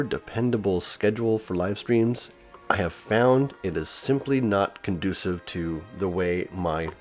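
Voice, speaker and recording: A man hosting a gaming channel, talking casually about his channel with lots of fillers and restarts at his home gaming setup. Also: lowish voice. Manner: relaxed and rambling, with many fillers and restarts. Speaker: YouTube gaming channel host.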